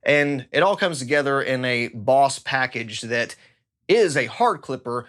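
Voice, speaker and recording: A man with a voice of ordinary, middle pitch talks through technical details in a relaxed, conversational manner. He sounds enthusiastic and chatty, and he slips in self-deprecating asides along the way. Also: a little slow. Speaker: guitar pedal reviewer. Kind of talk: casual technical explainer.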